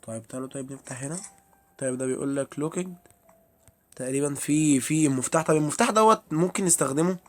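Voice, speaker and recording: His voice sits on the high side and he talks fast. A young Egyptian Arabic-accented man, he streams a horror game, chatting with viewers and jumping at frights.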